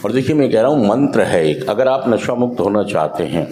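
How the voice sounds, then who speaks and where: A man's voice: fairly low pitch, a little fast, roomy sound, a little hiss or hum. A man, an addiction counselor, giving a motivational talk to rehab residents and firing rhetorical questions at them. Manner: animated, rhetorical questions to the audience. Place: drug rehab center.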